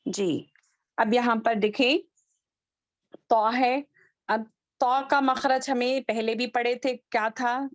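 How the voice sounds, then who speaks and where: A woman teaching tajweed over a video call, her voice a little high and very dry, with no room sound around it. She speaks slowly and patiently, stretching out each letter as she drills the sounds. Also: fairly even intonation, no echo, highs cut off. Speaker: Quran recitation teacher. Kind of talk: online tajweed class.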